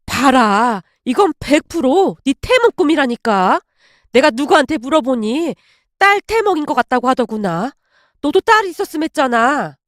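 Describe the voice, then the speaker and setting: A woman voicing a sharp-tongued middle-aged mother who scolds and shouts at her daughter-in-law, in a dry close recording. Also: high-pitched, very animated, moderate pace, dry recording. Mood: coaxing.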